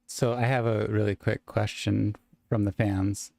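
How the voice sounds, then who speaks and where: A man's voice: fairly low pitch, level tone, measured pace, gravelly, darkish tone, dry recording, studio quality. A man hosting a tabletop game podcast, chatting casually and teasing his co-players. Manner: teasing, bossy about mics. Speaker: podcast host and game master. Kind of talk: casual chat among players.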